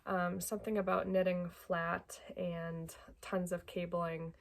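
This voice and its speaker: Her voice fairly low, gravelly and fairly flat, this young podcast host talks slowly to camera about knitting while congested from a cold. She comes from Greater Portland, Maine, and sounds friendly and chatty, filling her speech with ums.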